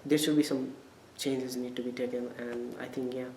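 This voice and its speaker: A young Nepali-accented college student hesitates and hunts for words as he gives casual answers in an interview. His voice is mid-range and dark, level in tone, at a moderate pace, and the echoey room has background noise.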